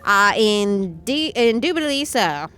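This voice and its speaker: A woman streaming a puzzle game, chatting casually and reading text aloud haltingly, often swearing and stumbling over names. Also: medium pitch, sing-song, fairly bright tone, clear, resonant tone, soft background music. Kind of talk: casual gaming livestream chat.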